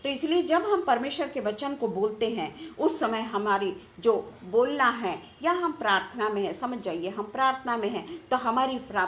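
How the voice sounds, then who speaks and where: Woman preacher, conversational sermon, higher voice, echoey room with faint hiss. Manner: conversational, asks rhetorical questions. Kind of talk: online sermon.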